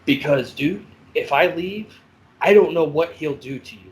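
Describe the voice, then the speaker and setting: A man on a podcast telling stories of his years as a corrections officer, in a blunt, profane, animated way. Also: on the high side, moderate pace, rough recording. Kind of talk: casual storytelling chat.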